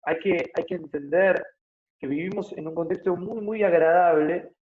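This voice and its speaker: Guest, 30s, Buenos Aires accent, fairly high voice, thinks aloud, slightly muffled audio. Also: male voice, moderate pace. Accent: Argentine Spanish (Buenos Aires). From Argentina. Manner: explanatory, thinks aloud with frequent tag questions. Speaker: guest, fitness motivator. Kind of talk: casual interview conversation.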